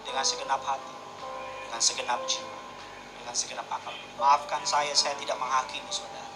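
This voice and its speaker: A man preaching a sermon as pastor, in a casual, emphatic way that swings between loud and hushed. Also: medium pitch, flat delivery, fairly quick, music in the background, poor audio.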